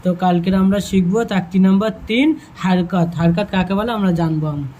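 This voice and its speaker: High-voiced man drilling letters slowly. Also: dark tone, muffled recording. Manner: slow letter-by-letter drilling with quick asides. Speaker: Quran reading teacher. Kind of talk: step-by-step reading lesson.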